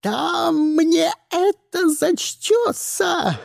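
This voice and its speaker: A man voicing a hysterical, murderous woman poisoner who shrieks her threats in a high, strained voice in an audiobook. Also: big pitch swings, takes it slowly, creaky, warm tone, dry recording, clean studio sound, heavily acted. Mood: fanatical shrieking. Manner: shrieking, frantic.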